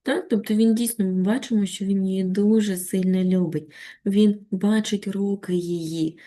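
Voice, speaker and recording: Mellow-voiced Ukrainian woman teacher. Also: medium pitch. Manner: slow, expressive poetry recitation; patient, guiding teacher talk to children. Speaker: primary school teacher. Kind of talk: video reading lesson for children.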